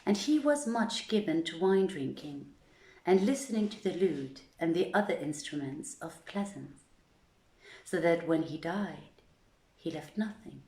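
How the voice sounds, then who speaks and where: Slowly and with animation, a woman reader delivers archaic literary narration as dramatic scripted storytelling. Her lowish voice is mellow, and the recording sounds roomy and echoey.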